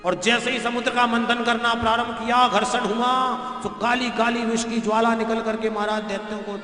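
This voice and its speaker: A man's voice: extremely high pitch, little pitch movement, moderate pace, bright, forceful tone. A man preaching a devotional story sermon to an audience, chatty and folksy, with homely examples addressed straight to his listeners. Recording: echoey hall with faint music.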